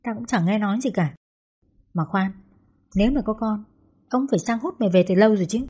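A woman reading the lines of a loud, blunt young mother who is the narrator's best friend, with a husky, mellow tone. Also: mid-range voice, fast talker, lightly acted. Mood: curious. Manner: loud, blunt, swears casually. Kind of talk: audiobook character dialogue.

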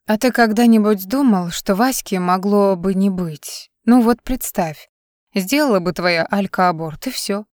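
A drunk, tearful young woman singer with slurred, wavering words, put on by a woman reading a story. The voice sits at a middle pitch and is heard close and dry. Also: measured pace, a little mellow, dry recording, close to an everyday voice. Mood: tipsy, needling. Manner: slurred, wavering, swallowing letters.

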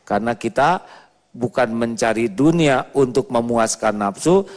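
A man's voice: medium pitch, lively intonation, unhurried. A man preaching a sermon to a live audience, asking them rhetorical questions as he goes. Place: large hall with an audience. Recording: long hall reverb.

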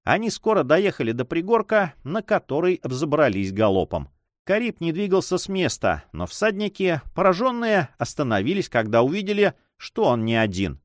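A man's voice: fairly high pitch, big pitch swings, normal speed, dry recording, clean studio sound. Man narrating an adventure audiobook. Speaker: audiobook reader.

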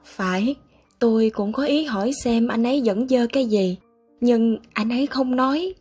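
A woman reading aloud voices a calm elderly gentleman who speaks in a measured, gently wry way, with a husky voice. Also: on the high side, soft background music.

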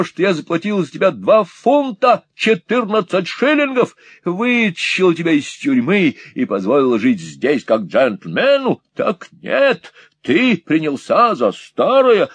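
Screeching angry laundress woman, a man reading her, high and loud. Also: very animated, slow pace, few pauses, slightly rough, no echo, exaggerated voice. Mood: shrieking rage. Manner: screeching, accusing. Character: shrieking furious middle-aged laundress woman. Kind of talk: audiobook character voice.

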